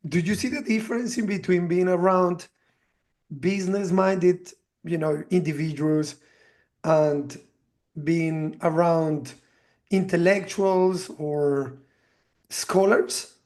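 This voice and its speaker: Male podcast host, high voice, friendly questioning. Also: slow, a little mellow. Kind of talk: casual interview conversation.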